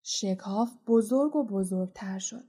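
A woman narrating an audiobook in a steady, measured reading voice. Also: mid-range voice, slightly rough. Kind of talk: storybook narration.

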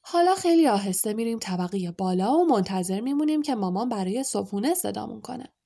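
Woman voicing a mischievous teen wizard boy, hushed, sly, mellow tone. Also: fairly high pitch, lively intonation, gravelly. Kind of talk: audiobook character voice.

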